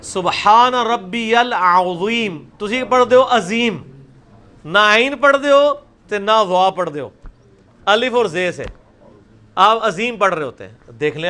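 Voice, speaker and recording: A man teaching Quranic pronunciation, drilling letters aloud in a live class. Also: high-pitched. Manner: drills letters by repeating them loudly, mixing Punjabi into Urdu. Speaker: religious teacher.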